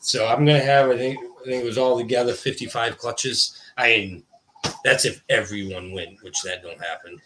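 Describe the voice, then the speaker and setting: On a livestream, a male ball python breeder appearing as a guest chats in a loose, colloquial way, rambling, cutting himself off and starting over. He can't pronounce his R's, so they come out as W's, and his medium-pitched voice has a sharp edge at a normal speed. The audio is poor, with slight background noise.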